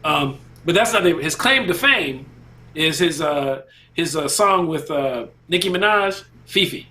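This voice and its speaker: A man co-hosting a casual panel podcast, talking in a relaxed, slangy way and laughing often. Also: on the high side, measured pace. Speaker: podcast co-host.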